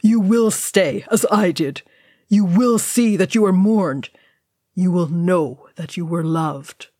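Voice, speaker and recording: Woman reading as gruff male dwarf king; growled commands, slow, dry booth-like sound. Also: on the low side, dark tone, no echo. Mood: commanding.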